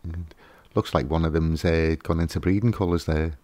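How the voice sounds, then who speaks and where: A man's voice: rumbling low, fairly even intonation, normal speed, darkish tone, no echo. A man hosting a fishkeeping channel, giving a casual, hesitant voice-over with lots of fillers and restarts.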